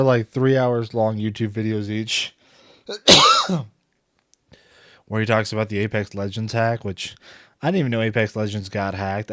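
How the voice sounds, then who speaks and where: A man's voice: fairly low pitch, a bit bright, no room sound. A man streaming a video game, chatting casually, swearing and rambling with lots of filler words. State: a little out of breath. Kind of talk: casual gaming stream commentary.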